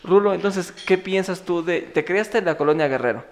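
A man in his thirties, from Mexico City and with its accent, hosts a relaxed podcast among friends. His voice sits a little high and he jokes, teases and laughs often. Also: moderate pace. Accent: Mexico City Spanish. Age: 30s. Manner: joking, teasing, laughs often. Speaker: podcast host. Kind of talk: casual podcast chat.

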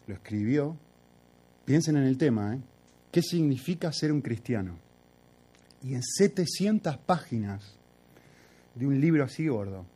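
Thirties man, relaxed storytelling preacher, mid pitch, halting pauses. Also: husky. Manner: conversational, reflective, with filler pauses. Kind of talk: sermon with storytelling.

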